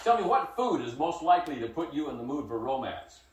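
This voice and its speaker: A jokey man running a TV game show who laughs easily between questions. His voice sits a little high and swings widely in pitch. He is heard from a distance in a very echoey studio with steady background noise. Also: a little fast.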